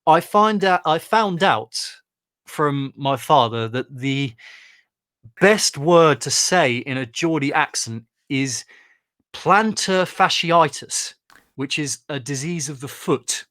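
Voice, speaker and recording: A man's voice: fairly high pitch, expressive, takes it slowly, a bit bright, dry recording. A man from England co-hosting a podcast in casual chat, chatty and self-deprecating, laughing often. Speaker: podcast co-host.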